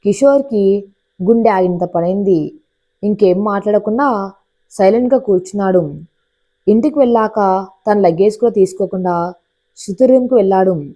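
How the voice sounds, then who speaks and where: A woman narrating an audiobook story with expressive storytelling. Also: medium pitch, moderate pace, pauses often, dull audio.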